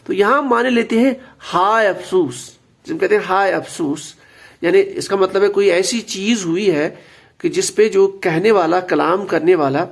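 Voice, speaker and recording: A man with a high voice and a gravelly edge explains grammar step by step, patiently going back over each key word. He slips English terms into his explanations, like a teacher working through a text with students. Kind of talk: explanatory lesson.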